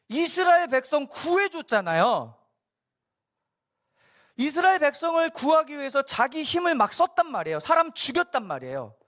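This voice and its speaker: A middle-aged man preaching a Sunday sermon as a pastor, telling stories and acting out the people he quotes. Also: very high-pitched. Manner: animated storytelling, acts out quoted voices.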